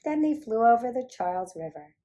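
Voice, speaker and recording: A woman reads a children's picture book aloud as a storyteller, animated and emphatic for young listeners. Her voice is a little high and her pace fairly quick.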